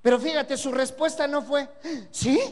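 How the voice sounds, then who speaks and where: A man's voice: extremely high pitch, moderate pace. A man with a Mexican Spanish accent preaching a Sunday sermon as pastor, emphatic, repeating key words and asking rhetorical questions. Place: church service hall. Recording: long reverb of a church hall.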